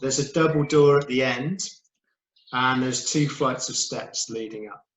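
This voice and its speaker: A man narrating as game master, calmly describing scenes. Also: medium pitch, unhurried, echoey room, a little hiss or hum, poor audio.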